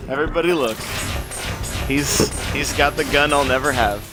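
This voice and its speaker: A man's voice: medium pitch, normal speed. A man hosting a gaming podcast, chatting casually and laughing often while he plays. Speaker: podcast host. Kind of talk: casual chat while playing a video game. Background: game music.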